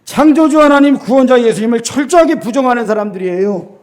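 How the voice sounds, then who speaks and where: A middle-aged man preaching a sermon as a pastor in a church, emphatic, with rhetorical questions to the congregation and sudden drops to a quiet voice. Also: quick pace. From South Korea. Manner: swings between loud emphasis and low, quiet lines.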